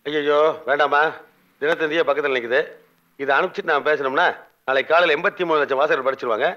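Brief: fast-talking flustered middle-aged boss, bright voice, dull old film sound. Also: male voice, on the high side, fairly even intonation. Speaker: company boss. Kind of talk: comic film dialogue.

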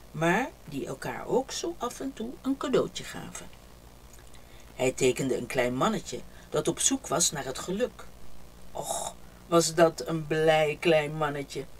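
A woman reading a children's picture book aloud, telling the story warmly and expressively. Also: deep voice, slight background noise, rough recording.

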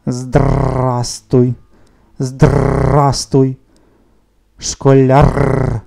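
A man voicing a clever, friendly grey parrot with a rattly, crackling voice that repeats words loudly. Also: medium pitch, monotone, extremely slow, creaky, heavily acted. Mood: excited. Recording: soft music behind the reading.

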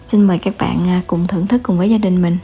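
A woman narrating a family travel vlog in voice-over, pausing often with fillers as she goes. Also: on the low side, steady tone, warm tone, husky, soft background music. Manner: hesitant, many filler pauses. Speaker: travel vlogger.

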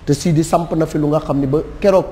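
A middle-aged man, a guest on a TV talk show, speaking in a measured, solemn way and mixing French with Wolof. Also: fairly high pitch, fairly even intonation, mellow, big-room sound. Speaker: studio guest. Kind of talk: formal tribute speech. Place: TV studio set.

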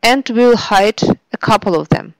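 A woman narrating a software screencast tutorial in a steady instructional way. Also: on the high side, unhurried, no room sound, low-quality recording.

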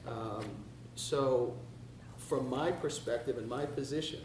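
A man on a school board laying out his points one by one in a measured way. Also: mid-range voice, darkish tone. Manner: measured, lays out points in turn. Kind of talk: meeting discussion. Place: meeting room. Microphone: far room mic. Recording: echoey, distant, hissy.

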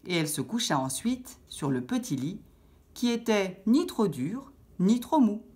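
A woman reading a children's fairy tale aloud with expressive storytelling. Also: mid-range voice, unhurried.

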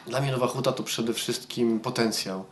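A man's voice: mid-range voice, moderate pace, loud music behind the voice. A man giving an interview comment, repeating key words for emphasis.

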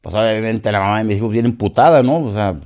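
A man's voice: lowish voice, fast talker, darkish tone. A middle-aged man from Mexico with a Mexican accent, a podcast guest telling a story in casual, profane slang and acting out the other voices.

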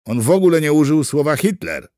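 A man's voice: a little high, lively intonation, a little fast, mellow, dry recording, clean studio sound, pitched above the performer's own voice, natural voice. A man voicing an exasperated male militia officer who talks in a raised voice.

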